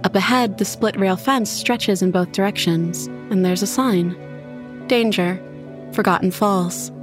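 A woman reading a first-person horror story in an intimate, expressive way. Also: medium pitch, unhurried, music in the background. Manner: intimate, expressive, voices her own character's lines. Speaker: narrator.

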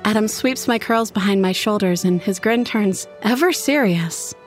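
A woman reading a first-person horror story in an intimate, expressive way. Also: mid-range voice, moderate pace, soft background music. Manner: intimate, expressive, voices her own character's lines. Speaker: narrator.

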